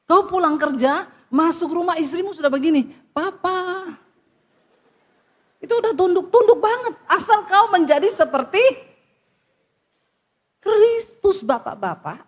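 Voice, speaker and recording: Woman pastor, very high voice, lively scolding sermon delivery, drops low when quoting others. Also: normal speed. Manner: animated preaching, often dropping low to voice quoted people; blunt, scolding address to the listeners.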